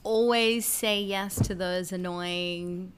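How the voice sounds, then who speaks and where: Low-voiced woman hosting a casual chat. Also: fairly even intonation, over a noisy crowd. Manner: responsive, quick with short reactions and jokes. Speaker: podcast host.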